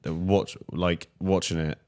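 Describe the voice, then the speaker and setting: A man's voice: low voice, fairly even intonation, measured pace, a little mellow, clear, resonant tone. A man in a casual football chat, dropping dry, joking asides.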